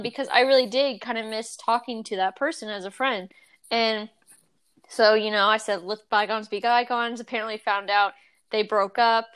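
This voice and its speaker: A young woman talks through a personal story on a casual podcast, circling back with lots of fillers and restarts. Her voice sits a little on the high side. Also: a bit bright, smooth. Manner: rambling, full of "like" and restarts. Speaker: podcast co-host. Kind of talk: casual chat.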